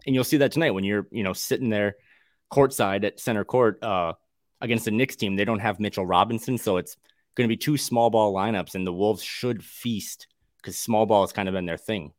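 A man with a lowish voice co-hosts a casual sports podcast. He talks fast and wry and restarts his sentences as he goes. The sound is dry and close to the mic. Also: dry recording.

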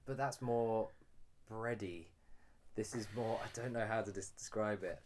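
A man's voice: on the low side, normal speed, slight background noise. A British man co-hosting a podcast, explaining food in a rambling, laughing casual chat. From United Kingdom. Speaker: podcast co-host.

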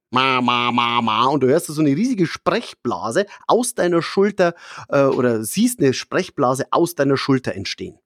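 A man's voice: fairly high pitch, a little mellow, no room sound, studio quality. A man co-hosting a casual podcast, painting playful vivid pictures as he talks. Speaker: podcast co-host.

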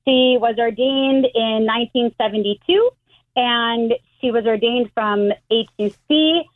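Woman, middle-aged, American accent, rabbi, measured and explanatory, phone-line sound. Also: fairly high pitch. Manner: measured, explanatory, many restarts. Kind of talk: phone interview.

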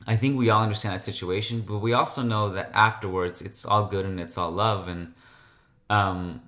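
Low-voiced man hosting a sports podcast. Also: fairly even intonation, normal speed, bright, forceful tone. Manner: rambling, conversational. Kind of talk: casual solo podcast talk.

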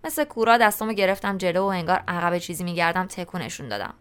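A woman's voice: on the low side, animated, clean tone. A woman narrating a novel in the first person, in a colloquial, conversational storytelling style. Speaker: audiobook narrator.

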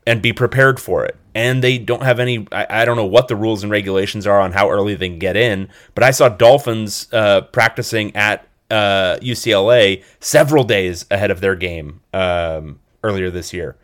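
A man's voice: fairly low pitch, a bit bright. A man co-hosting a casual sports podcast, chatty and analytical, hedging his points. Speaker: podcast co-host.

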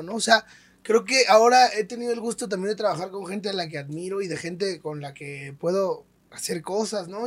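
Hombre mexicano de voz aguda y ronca. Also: male voice, high voice, slightly rough. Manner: slangy, emphatic storyteller. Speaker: stand-up comedian guest. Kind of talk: casual podcast interview.

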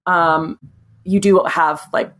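Relaxed woman guest from Massachusetts. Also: lowish voice, takes it slowly. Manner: relaxed, frank, lots of likes and ums. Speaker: podcast guest. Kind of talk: casual chat.

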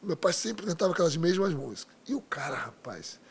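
A man, a singer, telling animated stories on a talk show, often laughing as he speaks. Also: on the high side, brisk, gravelly, breathy edge. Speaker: guest, singer. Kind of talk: casual interview chat.

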